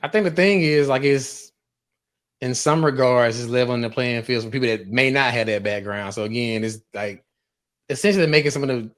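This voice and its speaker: A man's voice: medium pitch, fairly quick. Laid-back male podcast co-host. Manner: relaxed, laid-back, uses slang. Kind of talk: casual chat.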